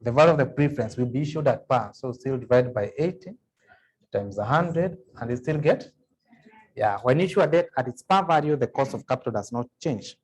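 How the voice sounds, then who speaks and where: A man's voice: mid-range voice, lively intonation, fairly quick, a little mellow, breathy edge. A man giving an accounting revision lecture, working through sums aloud and putting questions to the class. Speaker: accounting tutor.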